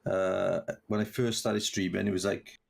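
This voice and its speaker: Low, gravelly South Welsh man. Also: flat delivery, normal speed. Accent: South Wales, Swansea area. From Neath, South Wales. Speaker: podcast guest, game streamer. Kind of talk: casual chat.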